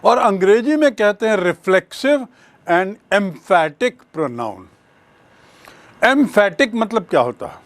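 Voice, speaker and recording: Slow, animated male teacher. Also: high voice, dry recording. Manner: slow, deliberate explaining with spelled-out letters and examples. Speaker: English grammar teacher. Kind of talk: bilingual classroom lecture.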